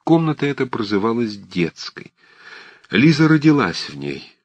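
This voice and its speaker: A man narrating a classic novel for an audiobook in a measured, expressive storytelling manner. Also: medium pitch, no room sound, highs cut off.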